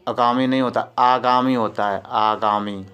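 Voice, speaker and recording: Man, teacher, slow unhurried delivery, repeats words, quizzes class. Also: mid-range voice, fairly even intonation, a bit bright, smooth. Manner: drills words by repeating them and quizzing students. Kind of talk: exam-prep spelling lesson.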